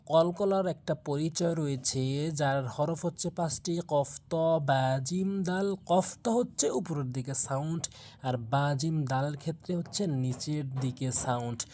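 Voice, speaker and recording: A man's voice: fairly high pitch, dark tone. A man giving a Quran pronunciation lesson, spelling out letters and vowel marks and repeating each word as a drill. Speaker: Quran recitation teacher.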